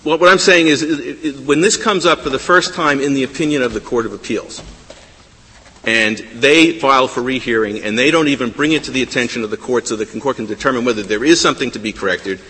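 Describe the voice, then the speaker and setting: A man arguing a case before a high court, insistent and argumentative, often stumbling and repeating words. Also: a little fast, bright, forceful tone, husky. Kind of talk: appellate oral argument. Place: large courtroom. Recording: courtroom with long reverb.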